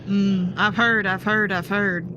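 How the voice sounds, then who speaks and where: A woman's voice: mid-range voice, fairly even intonation, a little slow, lo-fi sound, close to an everyday voice. Woman as a dry skeleton outlaw, noisy recording. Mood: affable. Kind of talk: tabletop role-play. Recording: noticeable background noise.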